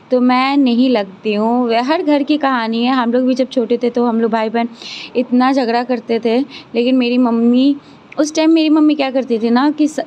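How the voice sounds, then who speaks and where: A woman's voice: a little high, a little mellow, muffled recording, a little hiss or hum. A young woman narrating her family vlog in a chatty, rambling way, with fillers and restarts. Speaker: family vlogger and mother.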